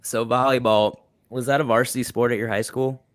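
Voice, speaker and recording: A man's voice: mid-range voice, fairly even intonation, fairly quick. A man hosting a podcast, asking easygoing questions and cracking jokes. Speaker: podcast host. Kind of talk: casual interview.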